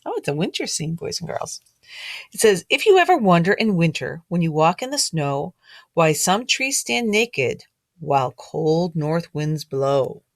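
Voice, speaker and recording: A middle-aged teacher with a voice on the low side reads a picture book to children in a sing-song, measured way, captured in studio quality with no room sound. She frequently adds chatty asides and gentle, child-directed questions for her listeners.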